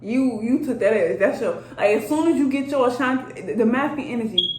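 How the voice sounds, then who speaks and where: A woman's voice: a little high, animated, fairly quick. A woman giving a casual tarot reading to her viewers, blunt, profane and chatty as she talks straight at them. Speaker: energy reader. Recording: roomy echo, faint background noise.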